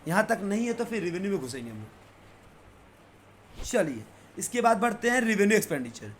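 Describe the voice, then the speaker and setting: A man with a fairly high voice teaching accounts for exams, with a faint hum of ambience behind him. He reads each definition out slowly and carefully, then rattles through the explanation in everyday speech. He keeps addressing his students directly as beta and sir. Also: very animated. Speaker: commerce teacher. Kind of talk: exam-prep accounts lesson.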